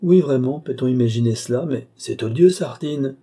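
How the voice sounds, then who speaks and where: A man voicing a vain, imperious young countess in an audiobook, brisk and teasing. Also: medium pitch, dark tone, breathy edge, pitched above the performer's own voice.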